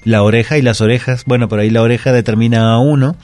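A man's voice: mid-range voice, steady tone, very fast, darkish tone, dry recording, soft background music. A man, explaining word usage carefully and methodically as a language expert on a talk segment.

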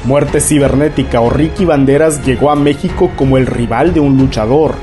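Over background music, a mid-range male voice at a moderate pace delivers the scripted narration for a documentary on lucha libre, describing wrestling bouts.

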